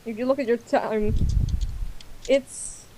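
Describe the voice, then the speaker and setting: Slow, high-voiced woman running a game. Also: steady tone. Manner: halting, improvised. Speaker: game master. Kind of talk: casual tabletop game narration. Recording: noisy recording with clicks.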